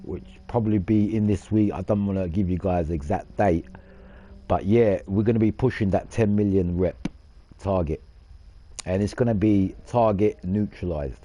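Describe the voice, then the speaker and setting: Dark-voiced man rambling over gameplay. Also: low voice, normal speed. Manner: rambling, boastful, swears casually. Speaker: gaming channel host. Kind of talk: casual gaming commentary.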